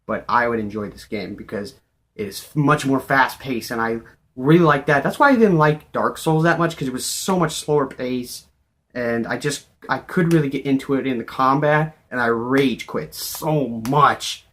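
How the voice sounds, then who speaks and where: Male gaming vlogger, mid-pitched, casual and unscripted, overexcited fan who gushes and repeats himself. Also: moderate pace, a bit bright. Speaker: video game vlogger.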